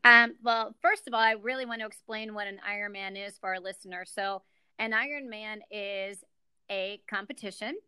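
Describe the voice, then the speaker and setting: Bright, crisp-voiced American woman guest. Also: mid-range voice, moderate pace, no echo. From United States. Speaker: guest, executive director. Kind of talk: podcast interview.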